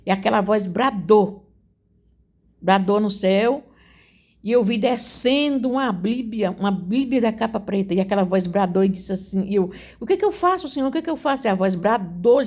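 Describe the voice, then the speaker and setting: A woman's voice: mid-range voice, a little mellow. A woman giving an emotional religious testimony. She talks earnestly, repeats her phrases and keeps turning to her listeners. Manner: earnest, repetitive, addresses listeners as "gente".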